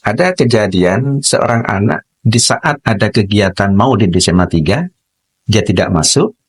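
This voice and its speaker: A middle-aged man, a teacher, telling a personal story on a podcast in an animated way, acting out dialogue. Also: lowish voice, normal speed, breathy edge.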